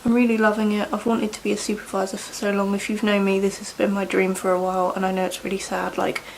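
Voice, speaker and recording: Young woman, mid-pitched, rambling get-ready-with-me chatter, faint hiss behind. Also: completely flat delivery, quick pace, gravelly, rough recording. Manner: rambling, chatty, lots of "like" and "you know". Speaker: beauty vlogger. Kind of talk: casual chat while doing makeup. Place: indoors at home, doing makeup.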